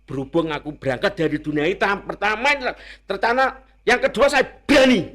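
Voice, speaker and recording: Blunt East Javanese man, higher voice. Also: brisk, a bit bright. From Indonesia. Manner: blunt and earnest, keeps repeating that he is being honest; rough, plain-spoken. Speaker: interview guest. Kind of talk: candid personal storytelling.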